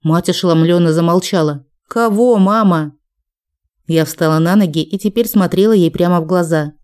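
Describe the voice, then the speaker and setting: A woman narrating a first-person story aloud in a steady, even audiobook style. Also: on the low side, fairly quick, clean tone.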